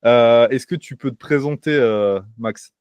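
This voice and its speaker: A man's voice: medium pitch, a little slow, darkish tone, clean tone, no room sound. A man hosting a casual podcast, talking loosely with many fillers and restarts. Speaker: podcast host. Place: home by the sea.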